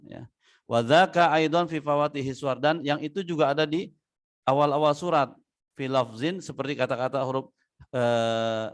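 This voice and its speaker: A man teaching tajwid in a relaxed, conversational way. He fills his talk with "ya", quizzes his students and drawls out the letters he is teaching. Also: medium pitch. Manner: explains step by step, asks students questions, many "ya" fillers. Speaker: Quran recitation teacher. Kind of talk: casual tajwid lesson with chanted examples. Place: online class or recorded study session.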